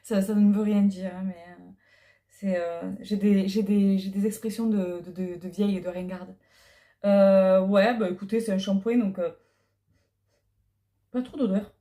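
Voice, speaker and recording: A woman's voice: medium pitch, fairly even intonation, normal speed, mellow. A middle-aged woman chatting casually on a clip-on mic, hesitant with many fillers. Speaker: vlogger. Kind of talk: casual unboxing chat. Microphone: clip-on lapel mic.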